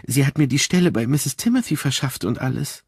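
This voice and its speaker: A man's voice: lively intonation, fairly quick, darkish tone, husky, no room sound, clean studio sound. A man voicing a nervous, fussy middle-aged female companion who speaks in a raised voice, hesitant and confiding. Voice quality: raised, higher voice.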